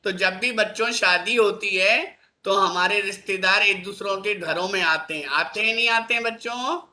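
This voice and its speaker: A man's voice: high voice, moderate pace, pushed and bright. A male teacher giving a classroom lesson, coaxing his pupils with constant questions like "isn't it?". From India.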